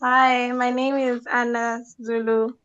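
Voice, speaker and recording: A woman from Zambia introducing herself calmly on a video call. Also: a little high, slow pace, clear, resonant tone. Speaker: class participant. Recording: dull lo-fi video call audio.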